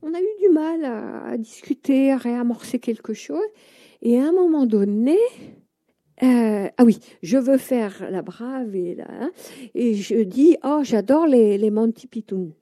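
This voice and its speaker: An older French woman tells a personal story, pausing often on fillers and then picking up again with animation. Her voice sits a little high but sounds very dark and mellow. The recording is close and dry. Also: no echo. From France. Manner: hesitant, animated anecdote-telling with many fillers. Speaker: interview guest.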